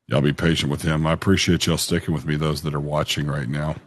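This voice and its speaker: A man's voice: a bass voice, level tone, fast, no room sound. A man hosting a casual interview show, talking informally and in a folksy way to guest and viewers.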